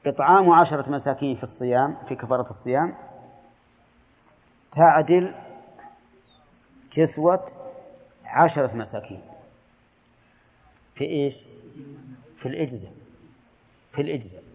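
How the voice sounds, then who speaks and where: A man at a middling pitch gives a religious lesson in a classroom. He explains each point patiently and often asks his students a question before he answers it. His voice rings with the long echo of a hall. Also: fairly quick, pauses often. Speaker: Islamic scholar teaching a creed text.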